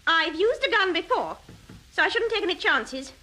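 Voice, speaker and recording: Haughty, menacing radio-play villainess: high, swooping, melodramatic woman's voice, edged with panic. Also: very animated, moderate pace, exaggerated voice, low-quality recording. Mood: threatening. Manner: sharp, imperious, melodramatic. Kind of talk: scripted radio thriller acting.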